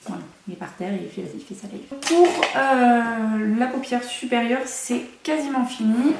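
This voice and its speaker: Speaking at a normal speed, a young woman with a higher, gravelly, animated voice chats through a makeup tutorial at home, adding playful self-mocking asides. She's a beauty vlogger. The mic is distant in an echoey room, with some background noise.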